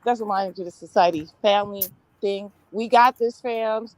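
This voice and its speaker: A woman's voice: mid-range voice, normal speed, dry recording, low-quality recording. A woman giving casual religious testimony in Rasta speech, exclamatory and rambling, often repeating her words. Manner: Rasta speech, with "ites", "overstand", "big up" and "brethren".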